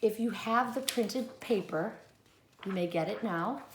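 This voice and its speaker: A kindergarten teacher giving gentle, step-by-step instructions during a read-aloud lesson, filmed on a handheld camera. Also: female voice, mid-range voice, unhurried, reverberant, slight background noise.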